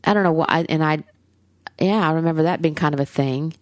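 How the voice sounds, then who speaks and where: A woman's voice: deep voice, brisk, no echo. A woman with a Southern US accent, co-hosting a casual podcast, rambling with lots of fillers and casual swearing. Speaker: podcast co-host.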